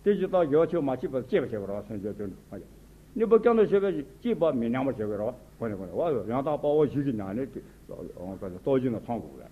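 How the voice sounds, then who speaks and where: A man's voice: medium pitch, lively intonation, quick pace, hardly any pauses. Male teacher on a tinny, lo-fi recording. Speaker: Buddhist teacher. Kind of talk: spoken commentary on a religious text. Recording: tinny phone-like sound with faint noise.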